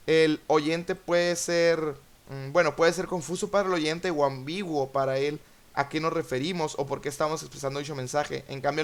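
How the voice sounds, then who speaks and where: A young man hosting an educational podcast, explaining in a measured, lecturing way with frequent fillers. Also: on the high side, clean tone. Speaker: podcast host, Spanish teacher.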